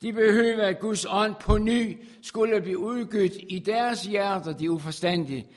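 A man with a noticeably high voice preaches a sermon to his congregation. He leans on repetition, echoing key phrases again and again. He moves from hushed, quiet stretches up to loud, forceful declarations. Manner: emphatic, repeats phrases, swings from soft to loud.

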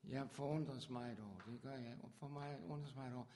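Fervent Danish preacher, hushed to shouting. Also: male voice, medium pitch. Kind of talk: charismatic sermon.

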